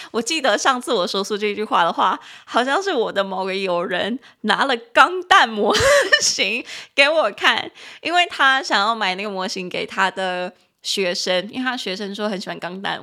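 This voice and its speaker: A woman with a Taiwanese Mandarin accent hosting a casual podcast English lesson, chatty and quick to laugh. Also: pushed and bright. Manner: chatty, laughs often, acts out quoted friends in a higher voice. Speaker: podcast host and English teacher.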